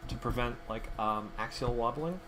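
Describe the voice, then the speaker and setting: A man with a mid-range voice streams his 3D design work at a moderate pace, chatting casually while he models. He thinks aloud and mutters at his own work, with background noise in the recording.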